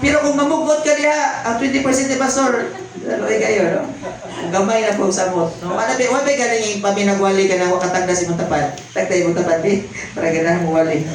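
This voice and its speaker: A man's voice: high voice, steady tone, fast talker, a crowd in the background. A man preaching a conversational sermon, mixing in English and calling out to the congregation. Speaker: pastor. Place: church hall. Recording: very echoey church hall, faint background noise.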